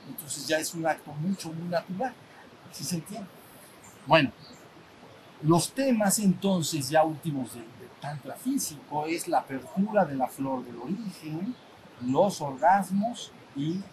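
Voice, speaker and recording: A man's voice: a little slow, crowd noise, low-quality recording. A man teaching a retreat lecture. He speaks informally, restarts his sentences often, checks in with his listeners and acts out sounds as he explains. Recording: steady background rumble and noise.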